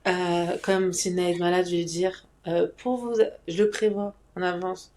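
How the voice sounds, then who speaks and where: A woman's voice: fairly low pitch, fairly even intonation, unhurried, a little mellow. A woman co-hosting a podcast in casual chat. She is playful and laughs often. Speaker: podcast co-host.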